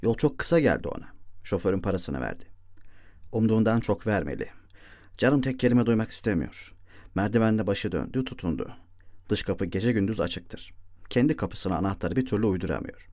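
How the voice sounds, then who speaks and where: A man's voice: on the low side, expressive, a little fast, darkish tone, no echo, studio quality. A man reading a literary novel aloud as an audiobook narrator, giving the dialogue lines lightly shifted voices.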